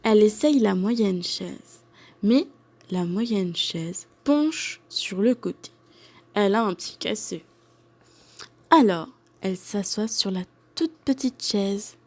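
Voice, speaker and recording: A woman teacher reading a picture book aloud to children, clearly and expressively. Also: mid-range voice, expressive, takes it slowly, a little mellow.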